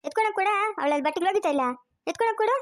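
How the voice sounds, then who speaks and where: A woman's voice: very high-pitched, lively intonation, very fast. A woman voicing a harsh, scheming middle-aged village aunt in a cartoon, barking orders. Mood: scolding. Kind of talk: cartoon dubbing.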